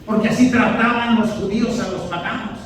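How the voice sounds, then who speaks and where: High-voiced priest preaching in an echoey hall. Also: male voice, fairly even intonation, fairly quick, a bit bright. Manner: emphatic, questions the congregation, keeps saying "hermanos". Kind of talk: sermon to a prayer group. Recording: echoey hall, distant mic, faint background noise.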